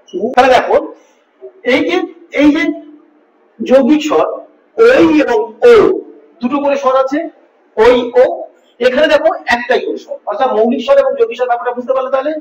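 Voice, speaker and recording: A male teacher giving a grammar lesson, patiently repeating each point and asking his students questions. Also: extremely high pitch. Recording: echoey room, distant mic, dull lo-fi.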